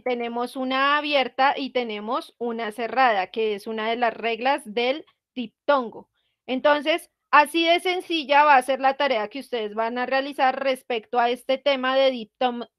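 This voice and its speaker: A woman's voice: sits high, fairly bright tone, no room sound, studio quality. A woman teacher explaining a lesson patiently to students, often asking them questions. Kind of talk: online class explanation.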